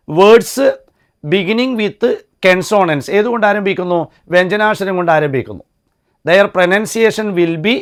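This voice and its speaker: A man with a high voice teaching a grammar class for exam students. He poses a question, then answers it himself, and repeats the key words. He slows down to sound out letters one by one. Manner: spells out letters and sounds slowly. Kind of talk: classroom-style grammar lesson.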